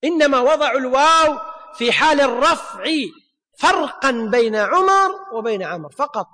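A man teaching an Arabic grammar class. He quizzes students with quick questions and drawls out example words slowly. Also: extremely high pitch, animated, pushed and bright. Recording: long hall reverb.

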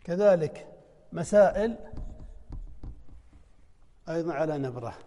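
A man's voice: fairly high pitch, animated, measured pace, mellow, big-room sound. A man teaching a spelling lesson, working through examples by asking questions and answering them himself. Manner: methodical, asks and answers his own questions.

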